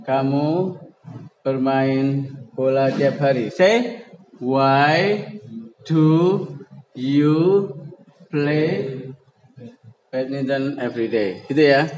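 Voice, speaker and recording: A man teaching an English grammar lesson to a class, reading example sentences slowly and prompting students to answer. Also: medium pitch, a little mellow, a little hiss or hum, poor audio. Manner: slow, drawn-out example sentences with prompting calls.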